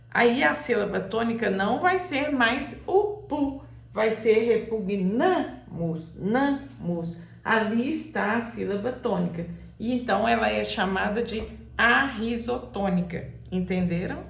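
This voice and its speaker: A woman teaching a grammar lesson, patient and repetitive, sometimes calling out words loudly to show the stressed syllable. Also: fairly high pitch, gravelly. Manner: patient, repeats examples, calls out words loudly to demonstrate stress. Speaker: Portuguese teacher. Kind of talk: slow explanatory grammar lesson. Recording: echoey room.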